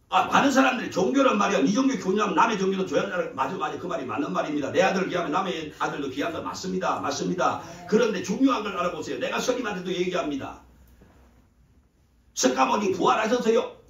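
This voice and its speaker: A male pastor preaching a sermon in a lively, conversational way, having the congregation repeat his words in call-and-response. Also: a little high. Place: church sanctuary. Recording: echoey church hall, mic at a distance.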